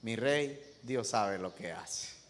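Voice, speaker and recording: A man doing a soft-spoken faithful servant. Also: mid-range voice, takes it slowly, pitched below the performer's own voice. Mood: calm assurance. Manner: soft, calm, patiently reassuring. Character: humble, faithful male servant of a king. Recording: echoey church hall.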